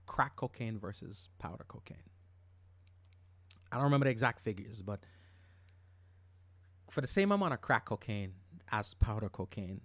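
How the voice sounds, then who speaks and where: A man's voice: medium pitch, dry recording. A middle-aged man from Jamaica hosting a podcast, talking in an emphatic, casual monologue and repeating words when worked up. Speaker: podcast host.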